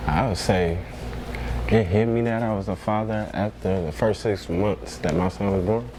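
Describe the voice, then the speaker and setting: A man in his twenties talks relaxedly as a panel guest, with easy fillers. His voice is very deep. Room noise sits behind him. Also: normal speed. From Arizona. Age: 20s. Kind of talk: casual group discussion.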